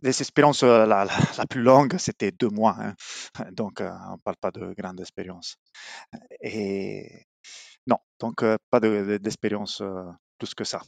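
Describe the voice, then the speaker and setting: A man's voice: lowish voice, unhurried, gravelly, no room sound. A middle-aged man from Italy speaking French with an Italian accent, a podcast guest who hesitates with many fillers and restarts. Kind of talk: remote podcast interview.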